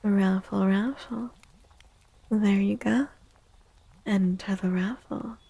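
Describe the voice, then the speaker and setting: A woman speaks slowly in a soft, breathy, husky voice of medium pitch, often close to a whisper, with fairly even intonation on a dry recording. She is an ASMR streamer and tarot reader chatting with viewers on a soft-spoken livestream, gentle and playful, softly repeating words and phrases.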